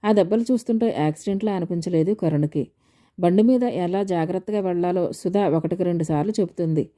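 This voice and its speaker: A woman's voice: fairly low pitch, brisk, dark tone. A woman reading a novel aloud as an audiobook narrator, telling the story steadily and voicing the characters lightly.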